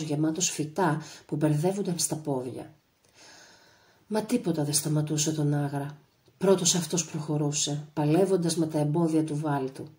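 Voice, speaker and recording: Low-voiced woman reading an audiobook. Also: a little mellow. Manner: measured, dramatic reading. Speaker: audiobook narrator. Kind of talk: literary audiobook narration.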